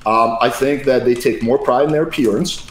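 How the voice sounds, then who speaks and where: A man's voice: medium pitch, moderate pace. Man moderating debate, echoey sound. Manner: assertive, interjecting. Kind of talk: casual debate.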